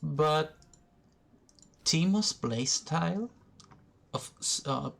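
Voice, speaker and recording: A man giving educational commentary over a card game, thinking aloud slowly, pausing often and restarting his sentences. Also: fairly high pitch, expressive, gravelly, fairly bright tone. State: has the hiccups. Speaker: gaming video creator. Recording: faint background noise, poor recording.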